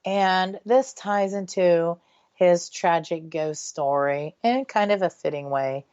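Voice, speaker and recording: A woman's voice: lowish voice, takes it slowly, a little mellow, smooth, no echo. A woman hosting a radio show, telling stories informally and checking in with listeners. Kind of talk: informal paranormal radio storytelling. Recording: dull, lo-fi radio audio.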